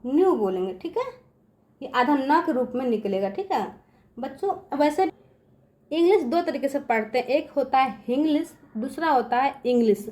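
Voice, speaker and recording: A woman's voice: sits high, expressive, darkish tone. A woman teaching an English phonics lesson in a patient classroom manner, often checking whether the children follow and dragging out sounds as she spells words. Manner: slows down and stretches sounds to spell out words letter by letter. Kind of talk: classroom-style lesson explaining phonics rules.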